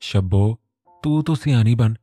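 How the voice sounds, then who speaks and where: A man's voice: mid-range voice, measured pace, warm tone, no room sound, faint music behind, natural voice. A man voicing a scolding but affectionate middle-aged mother in a storybook reading.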